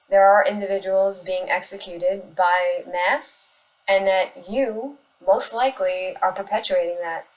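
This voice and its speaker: A woman giving casual spoken commentary in response to online comments, arguing insistently and earnestly, with halting pauses as she looks for her words. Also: medium pitch, rough recording. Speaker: animal rights activist responding to comments.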